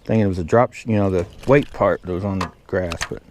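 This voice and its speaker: Out on a boat fishing, a man talks in a folksy, colloquial way, his voice low and his pace fast. He's an angler hosting a fishing vlog, and the outdoor recording is noisy.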